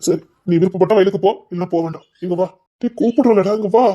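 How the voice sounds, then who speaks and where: An anguished man with a Tirunelveli Tamil accent, begging and calling out again and again, as an actor plays him. His voice sits fairly high for a man and keeps pleading. The delivery is melodramatic. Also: rapid-fire, dark tone, dull audio, lightly acted. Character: anguished man begging a brother to come back. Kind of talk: melodramatic web-series acting.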